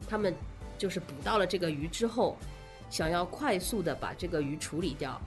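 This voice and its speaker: A woman's voice: on the low side, lively intonation, fairly quick, soft background music. A woman speaking as an interview guest, explaining things casually step by step. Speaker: guest, association president.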